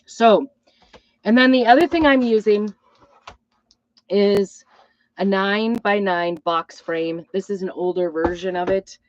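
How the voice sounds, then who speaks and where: A middle-aged woman with a hoarse, weakened voice from a hacking cough, rambling apologetically as she hosts a casual live craft demo. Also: medium pitch, steady tone, a little slow, pauses often, a little mellow, muffled recording. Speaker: craft host and crafting product seller.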